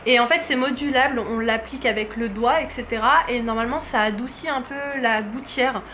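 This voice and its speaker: A woman's voice: on the high side, a little fast, pushed and bright. A woman chatting informally to the camera for a vlog, explaining things with many hesitations. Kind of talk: casual vlog chat to camera. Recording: faint background noise.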